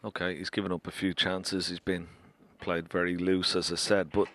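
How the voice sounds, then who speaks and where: A man giving snooker commentary in short, measured observations between shots. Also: sits low, flat delivery, fairly bright tone.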